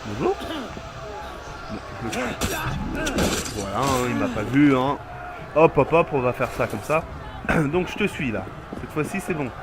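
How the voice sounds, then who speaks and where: Lively jokey guy playing a game. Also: medium pitch, unhurried, long pauses, very noisy. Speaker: let's play gamer. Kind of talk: casual gameplay commentary. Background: loud game music.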